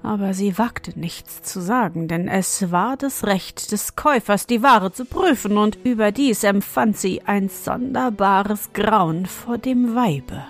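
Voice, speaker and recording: A woman narrating a fairy tale in a measured, expressive storytelling manner. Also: medium pitch, soft background music. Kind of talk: fairy-tale audiobook reading.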